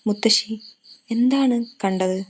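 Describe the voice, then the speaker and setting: A woman's voice: medium pitch, level tone, fairly quick, mellow, lightly acted, low-quality recording. A woman voicing a young man, grieving and angry, who asks shaky, urgent questions. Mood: distraught.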